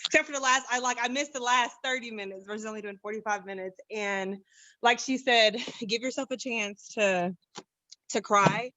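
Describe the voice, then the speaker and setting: A woman's voice: on the high side, moderate pace, pushed and bright, dry recording, low-quality recording. A young woman, out of breath, sharing a long-winded, earnest and enthusiastic testimonial on a video call. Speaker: program participant.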